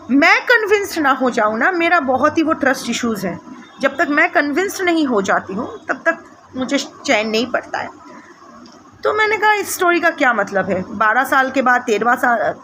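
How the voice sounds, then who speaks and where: A woman tarot reader telling a story in an animated way, with many fillers. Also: high voice, a little hiss or hum, rough recording. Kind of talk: storytelling monologue.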